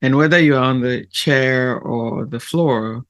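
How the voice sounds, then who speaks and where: A man speaking in a gentle, measured and deliberate way, with long pauses, as he hosts a reflective talk and guided meditation. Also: mid-range voice. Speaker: podcast host and meditation guide.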